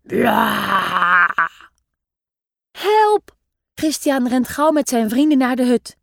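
A woman reading a children's story aloud in a lively, expressive way. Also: high voice, moderate pace, dry recording, studio quality.

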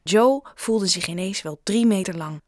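A woman reading a children's novel aloud with clear, steady storytelling narration. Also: medium pitch, unhurried, dry recording, studio quality. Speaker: audiobook narrator. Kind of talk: scripted narration.

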